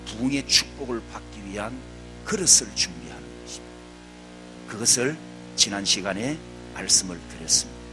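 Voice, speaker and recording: A male pastor preaching at a revival meeting, telling humorous stories and having the congregation repeat phrases. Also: mid-range voice. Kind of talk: revival sermon.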